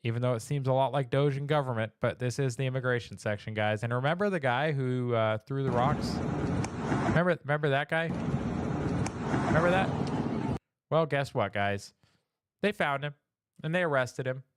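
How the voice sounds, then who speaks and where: A man's voice: mid-range voice, normal speed, pauses often, clean tone, no echo, studio quality. Sarcastic man hosting a stream. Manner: mocking, sarcastic, talks to chat. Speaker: host of a weekly news stream. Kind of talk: casual livestream commentary.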